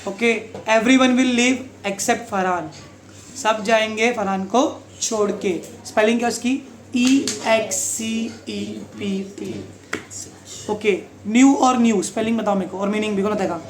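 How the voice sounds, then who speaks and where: A man's voice: sits high, fairly even intonation, normal speed. A male tutor drills a class on grammar, firing questions at his pupils and throwing in English example sentences. His voice rings through a bare, echoey classroom. Faint noise sits underneath. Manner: quizzes pupils, mixes English lines into Hindi, keeps asking "समझा?". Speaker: teacher.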